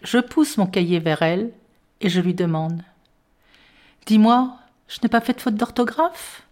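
A woman's voice: medium pitch, unhurried. Playful woman reading a storybook. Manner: playful, expressive reading in a boy's first person. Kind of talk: storybook narration.

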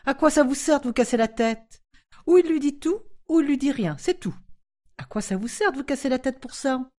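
A gossipy, bossy cleaning woman, as an actress plays her in an audio drama. Her voice is fairly high, and she speaks with self-assured authority, handing out advice. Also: expressive, normal speed, darkish tone, close to an everyday voice. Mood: chatty. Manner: authoritative, advice-giving, chatty.

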